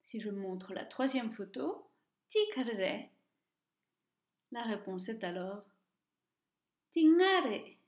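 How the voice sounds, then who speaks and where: Slow, deliberate woman teaching reading. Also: a little high, sing-song, a little mellow. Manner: slow and careful, repeating each word twice. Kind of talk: slow, deliberate language lesson. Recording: echoey room, dull lo-fi sound.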